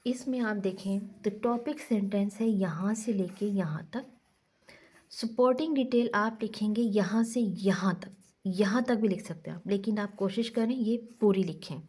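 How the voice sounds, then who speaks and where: Woman teacher, mellow voice. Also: mid-range voice. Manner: explains step by step, repeating key points. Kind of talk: casual lesson walkthrough.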